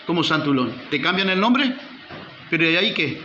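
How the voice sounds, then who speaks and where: Emphatic pastor preaching. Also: male voice, on the high side, very animated, normal speed, pushed and bright, a little hiss or hum. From Uruguay. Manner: emphatic preaching with rhetorical questions and calls for amen. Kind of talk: sermon. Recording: roomy, slightly dull church recording.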